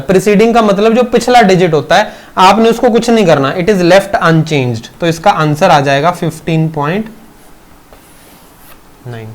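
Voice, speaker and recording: A man teaching a physics class, explaining step by step and checking understanding with questions, mixing in English terms. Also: sits high. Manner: mixes Hindi with English terms, addresses students as beta. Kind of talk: classroom lecture. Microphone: teaching video recording.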